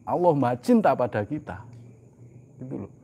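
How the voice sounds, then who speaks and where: A man preaching a sermon. He asks rhetorical questions and answers them himself, swinging from loud, emphatic lines to soft, low asides. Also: big pitch swings, moderate pace, slightly rough.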